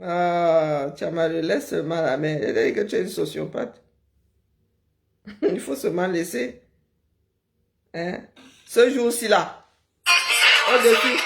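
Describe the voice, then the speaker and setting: A woman in a heated online argument, mocking and taunting her opponent. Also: mid-range voice. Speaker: live stream participant.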